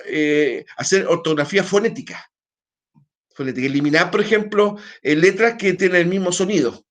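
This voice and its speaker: An online teacher with a Chilean Spanish accent explains at length at a moderate pace in a high voice. He drifts along loosely with hesitant restarts and checks on students with tag questions.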